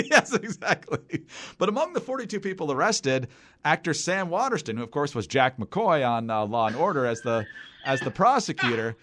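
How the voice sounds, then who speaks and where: A man's voice: on the high side, very animated, moderate pace, a bit bright. A man hosting a political podcast, reading news items and bantering with his co-host. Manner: bantering, reads news aloud. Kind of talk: casual political chat.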